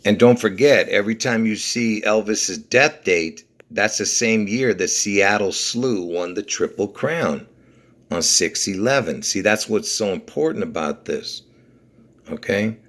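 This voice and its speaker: A man's voice: fairly low pitch, animated, unhurried, fairly bright tone. A man from Lebanon hosting a video, walking viewers through numbers in a rambling, insistent way, often checking "okay?" and "you see?". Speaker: video host. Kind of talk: conspiracy numerology video walkthrough.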